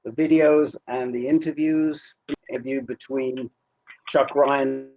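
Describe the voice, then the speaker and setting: A man's voice: mid-range voice, level tone, slow pace, a little mellow. Man on a choppy, breaking-up video call. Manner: chatty, sharing resources. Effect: choppy, breaking-up internet audio. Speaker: support group call moderator. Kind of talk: casual group video call. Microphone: computer on video call. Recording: dull lo-fi video call audio.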